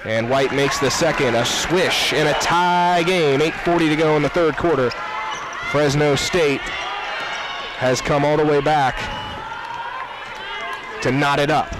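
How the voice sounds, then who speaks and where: Courtside in a loud basketball gym, a young man calls the action in quick bursts, raising his voice for key moments. He speaks high and slowly with frequent pauses, while the crowd roars and basketballs bounce behind him.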